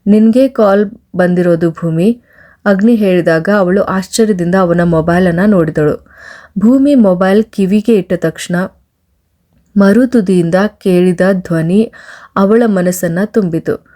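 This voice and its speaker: Mellow-voiced woman reading a story. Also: on the low side, unhurried. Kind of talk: scripted story narration.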